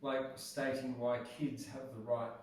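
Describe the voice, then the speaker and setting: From a distant mic in a very echoey room, a man reads his own poetry at an open mic. He speaks slowly and hesitantly, slipping between verse and casual, halting chat. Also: medium pitch, flat delivery. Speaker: poet reading own poems at an open mic.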